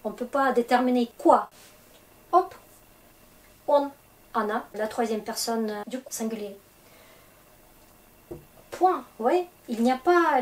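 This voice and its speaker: Slow, patient woman teaching a language. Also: on the high side, darkish tone, low-quality recording. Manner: slow, patient explaining with frequent hesitations. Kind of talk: explaining grammar to French learners.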